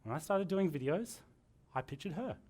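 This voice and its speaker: A man with a slightly high voice teaches a workshop group, his pitch swinging widely as he talks. He sounds energetic and jokes a lot, speaking live to people in the room. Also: normal speed. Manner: energetic, animated, joking. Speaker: workshop presenter.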